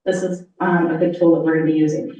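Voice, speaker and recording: Lady presenting at a board meeting, talks fast, lowish voice, echoey room. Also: little pitch movement, warm tone, recorded from a distance. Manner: fast-talking, chatty, self-aware. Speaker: tourism marketing presenter.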